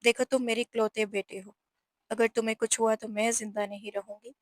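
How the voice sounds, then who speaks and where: A woman's voice: on the high side, flat delivery, fairly quick, dry recording, lightly acted. A woman voicing a widowed mother who scolds her only son firmly and emotionally in a storybook reading. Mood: tearful. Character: stern widowed mother, protective and tearful.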